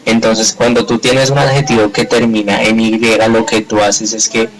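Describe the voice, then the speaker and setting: A man's voice: on the low side, flat delivery, moderate pace, soft background music, poor audio. A man teaching a live grammar class, explaining step by step in a patient way and checking often that students follow. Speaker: English teacher.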